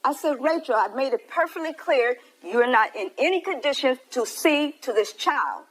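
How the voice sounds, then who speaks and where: Plaintive high-pitched American woman testifying in court. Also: lively intonation, moderate pace, a bit bright, rough recording. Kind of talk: animated courtroom storytelling.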